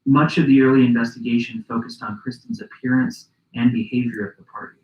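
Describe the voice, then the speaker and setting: A man hosting and narrating a documentary podcast in a measured, reflective scripted style. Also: mid-range voice, steady tone, darkish tone, roomy sound, dull audio.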